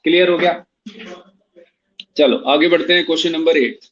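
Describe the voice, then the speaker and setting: A man's voice: a little high, steady tone, moderate pace, a bit bright, highs cut off. A man teaching English literature in a classroom, going through exam questions in a mix of Hindi and English, spelling out words and repeating key points. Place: classroom with students, also streamed online.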